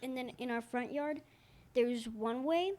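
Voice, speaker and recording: A teenage girl co-hosting a casual chat with her dad, talking in a loose, rambling way and mixing up her words. Her voice sits a little high. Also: unhurried, a little mellow. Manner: chatty, giggly, loses her train of thought. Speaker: co-host, daughter.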